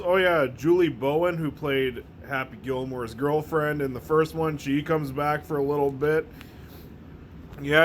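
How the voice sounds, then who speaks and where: A man delivers a casual movie review in a blunt, sarcastic tone, swearing freely. His voice sits somewhat high for a man. A faint hum of room noise runs underneath. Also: fairly bright tone. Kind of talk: casual profane review monologue.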